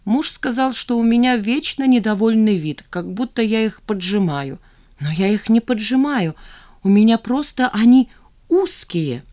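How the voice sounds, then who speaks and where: A woman's voice: fairly high pitch, animated, a little slow, a little mellow, pitched above the performer's own voice. A woman reader voicing an unsure woman who talks hesitantly and complains about her looks. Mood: complaining.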